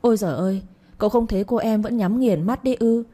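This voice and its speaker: A woman's voice: medium pitch, quick pace, mellow, voice pushed up, close to an everyday voice. A woman voicing a timid young maidservant who wails and pleads with her master. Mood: wailing. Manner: wailing, pleading.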